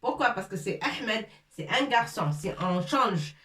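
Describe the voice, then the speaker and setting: A woman giving an Arabic grammar lesson, slowly repeating words and drilling them aloud. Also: a little high, animated, fairly bright tone. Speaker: Arabic teacher. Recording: echoey room, voice from far off.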